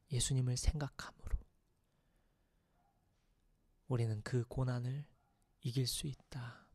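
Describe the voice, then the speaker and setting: A man preaching a sermon in an earnest, measured way, pausing to reflect and often dropping to a soft, hushed tone. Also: mid-range voice, no echo.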